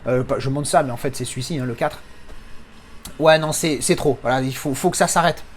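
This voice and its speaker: A man's voice: mid-range voice, brisk, a little hiss or hum. A man speaking French as his first language gives a casual spoken film review, ranting and swearing with frequent restarts.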